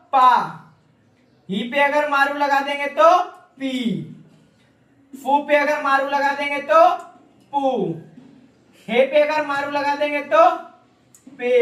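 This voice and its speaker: Guy teaching online class, high pitched, echoey room, far from mic. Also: a bit bright. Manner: repeats questions and has learners echo answers. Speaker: Japanese language teacher.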